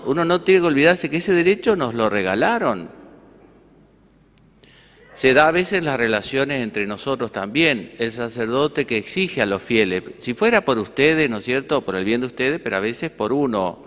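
A man's voice: mid-range voice, fairly bright tone, long reverb tail. A male priest with an Argentine accent giving a conversational sermon, often asking rhetorical questions. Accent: Argentine Spanish. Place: church.

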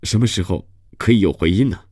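A man's voice: low-pitched, quick pace, a little mellow, breathy edge, no echo, studio quality. A male narrator voicing an earnest, naive young German musician who pleads eagerly for help.

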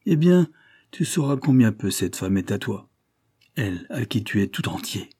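A man reading the lines of a cynical older gentleman with a gray mustache in a cool, cutting, worldly-wise manner. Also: lowish voice, big pitch swings, normal speed, husky, dry recording, studio quality. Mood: challenging. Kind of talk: audiobook character reading.

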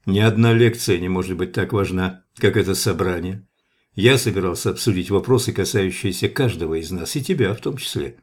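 A man reading the lines of an earnest, sharp-tongued young male scientist with an ironic, argumentative manner. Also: low-pitched, brisk.

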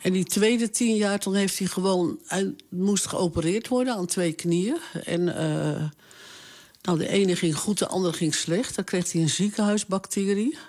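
A woman's voice: mid-range voice, measured pace, a little mellow. Older woman, interviewee, hesitant, plain-spoken, casual reminiscing.

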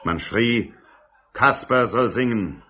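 A man narrates his family's past in a scripted radio drama. The voice is deep and breathy, with grave, wistful storytelling. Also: unhurried, fairly bright tone, heavily acted.

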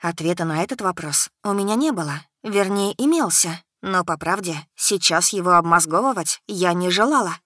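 Bright-voiced woman narrating a novel. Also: on the low side, animated, normal speed, few pauses, no echo, studio quality. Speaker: audiobook narrator. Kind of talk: first-person audiobook narration.

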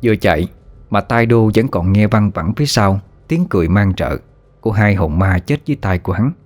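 Low-voiced man narrating a ghost story. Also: lively intonation, fairly quick, darkish tone. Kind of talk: scripted horror story narration. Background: faint music.

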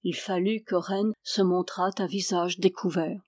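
A woman's voice: fairly low pitch, fairly even intonation, a little slow, darkish tone. A woman reading a historical novel aloud as an audiobook, raising her voice for the quoted characters. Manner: lifts and raises the voice for quoted characters. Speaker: audiobook reader. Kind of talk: scripted narration of a historical novel.

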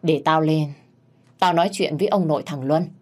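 Woman playing a stern older matriarch, low husky voice, commanding. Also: moderate pace, darkish tone. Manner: commanding, blunt.

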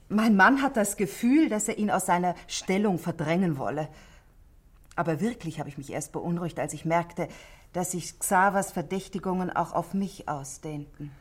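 In a 1960s German radio play, an actress with a fairly low voice plays a composed, middle-aged married woman. She speaks politely and articulately while confiding her worries.

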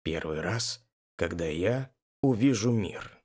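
A man narrating a first-person game-fiction audiobook in an expressive storytelling manner. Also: low-pitched, slow pace, slightly rough.

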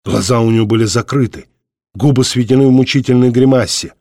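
A man reading an audiobook in a measured, dramatic manner. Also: medium pitch, steady tone, darkish tone, dry recording, studio quality. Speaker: audiobook narrator. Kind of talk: scripted narration.

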